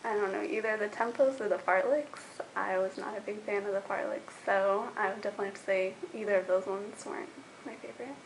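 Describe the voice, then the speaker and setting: A woman's voice: mid-range voice, steady tone, quick pace, creaky, a little hiss or hum, poor audio. A 20-year-old woman, a college runner, giving chatty, upbeat interview answers. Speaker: college cross-country runner.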